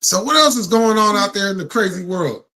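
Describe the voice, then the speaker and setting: Casual streamer just chatting to viewers, slangy and sweary, mid-pitched voice. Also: lively intonation, a little fast, pushed and bright. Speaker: live stream host. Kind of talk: casual live chat, talking to viewers.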